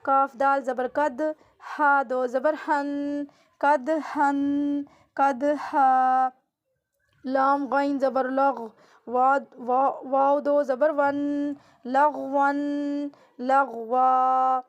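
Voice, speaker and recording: Brief: female Quran teacher with a Pakistani Urdu accent, high and level voice, drawn-out spelling drills. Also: level tone, lo-fi sound. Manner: slow drawn-out syllables, brisk asides.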